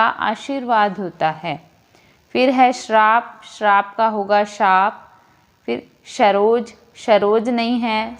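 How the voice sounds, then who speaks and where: Slow, deliberate woman teacher. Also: medium pitch. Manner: slow, deliberate explaining, repeating each word. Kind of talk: Hindi grammar lesson.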